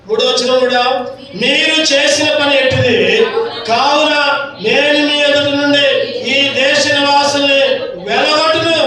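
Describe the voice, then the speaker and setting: A man preaching a sermon in a church hall, asking rhetorical questions and repeating his phrases. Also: very high voice. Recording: echoey hall from far off.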